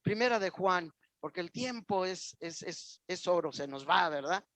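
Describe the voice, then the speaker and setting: A man's voice: high-pitched, lively intonation, measured pace, a bit bright, no echo. A man with a Mexican accent, preaching a sermon in church and telling his own story, emphatic and repetitive as he speaks straight to the congregation. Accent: Mexican Spanish. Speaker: pastor. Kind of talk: sermon with personal testimony.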